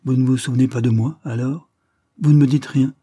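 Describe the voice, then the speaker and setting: A man voicing a sentimental woman of about sixty in an audiobook reading, raising his pitch and pleading. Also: steady tone, quick pace, warm tone, slightly rough, lightly acted. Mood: coaxing.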